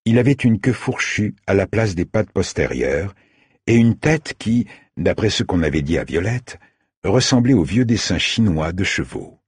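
A man reads an audiobook chapter in a measured storytelling manner. His voice is very low and husky, with a lively, widely moving pitch, and it is recorded dry and close. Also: no room sound. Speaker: audiobook narrator. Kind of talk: scripted narration.

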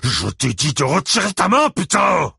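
A man voicing a furious, hot-tempered male ex-convict in an audiobook, barking shouts and bitter mutters. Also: low voice, brisk, vocal fry, breathy edge, no echo, studio quality, exaggerated voice. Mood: enraged.

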